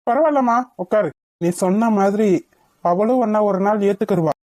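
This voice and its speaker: A woman's voice: mid-range voice, moderate pace, a little mellow, no echo, close to an everyday voice. A woman voicing a kindly older father-in-law in a cartoon, who talks in a soothing, fatherly way. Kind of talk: cartoon voice acting.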